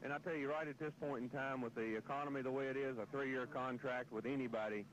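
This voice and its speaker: A man's voice: mid-range voice, steady tone, fast. A man from a racing team giving a casual interview answer. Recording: dull, slightly noisy interview audio.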